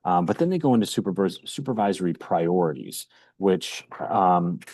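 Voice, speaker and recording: Deep-voiced man giving measured explanatory commentary. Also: expressive, darkish tone, no room sound. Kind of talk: informal explanatory commentary on a report.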